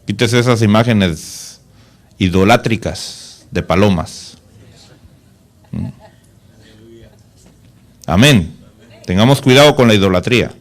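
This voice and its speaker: Preaching to his flock, this male pastor poses questions he doesn't expect answered. For the weightier moments, he lowers his voice to a quiet, deep tone.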